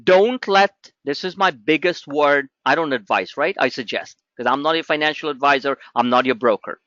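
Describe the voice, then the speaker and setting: A middle-aged man with a high, bright, pointed voice hosts a trading webinar. He talks in a pushy, animated sales patter while going over charts. The sound is dry and a little dull, recorded on a close mic. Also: moderate pace, no echo. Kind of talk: live trading webinar talk.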